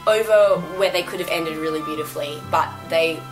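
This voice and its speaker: A woman's voice: low voice, brisk, over music, low-quality recording. A woman giving a casual, chatty review as co-host, in an emphatic, gushing way. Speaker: co-host reviewing a dance show.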